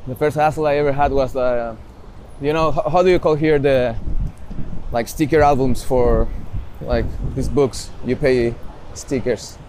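Chilean man speaking relaxed English. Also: medium pitch, measured pace, slight background noise. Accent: Chilean Spanish. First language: Spanish. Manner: relaxed, searches for English words. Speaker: startup founder, interview guest. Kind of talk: casual interview answers. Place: outdoors in a city with traffic nearby.

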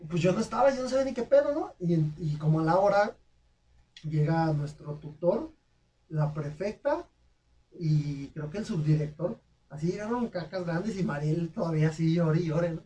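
A man's voice: fairly high pitch, lively intonation, normal speed, warm tone. Slangy young Mexican man telling a story. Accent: Mexican Spanish. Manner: slangy, laughing, acts out voices in quotes. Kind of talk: casual storytelling chat. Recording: distant mic with faint noise.

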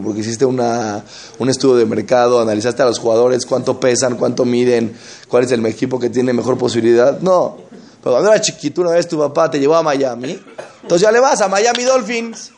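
A man giving an informal religious talk as a rabbi, conversational and full of rhetorical questions, acting out quoted people in quick asides. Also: medium pitch, creaky, a little mellow. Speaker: rabbi giving a Torah class.

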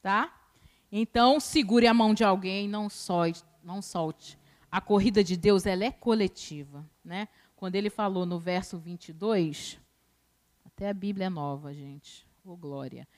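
A woman with a Brazilian accent preaching a colloquial sermon at a church service, chatty and teasing, her voice swinging between loud and hushed. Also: medium pitch, unhurried.

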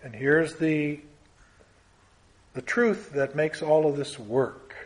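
A man's voice: a little high, takes it slowly. A man preaching a Bible teaching sermon in an earnest, emphatic way, building through lists and pressing key words.

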